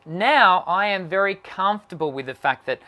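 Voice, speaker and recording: The man, a singing teacher running a casual live stream, reads out viewer questions and thinks aloud, stumbling through fillers and restarts. His naturally high voice is expressive, bright and forceful, at a moderate pace.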